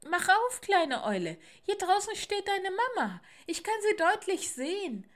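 A woman's voice: fairly high pitch, sing-song, moderate pace, fairly bright tone. A woman voicing a chattering, helpful squirrel with a chirpy manner in a storybook reading.

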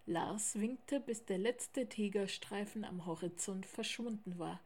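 A woman reading a children's story aloud in a slow, clear, measured way. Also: mid-range voice, darkish tone.

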